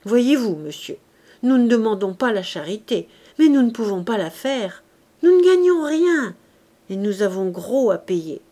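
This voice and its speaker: A woman voicing a coarse, grasping innkeeper's wife who talks in a shrill, eager, pleading way. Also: expressive, moderate pace, warm tone, lightly acted.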